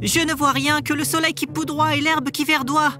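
Man playing a young sister on lookout, soft high falsetto, storybook reading. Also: level tone, normal speed. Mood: watchful. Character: young sister keeping watch from a tower.

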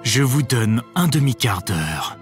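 A man's voice: mid-range voice, sing-song, slow, faint music behind. A man voicing a cruel, menacing nobleman husband in a storybook reading, stern and threatening. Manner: stern, threatening, shouting at times.

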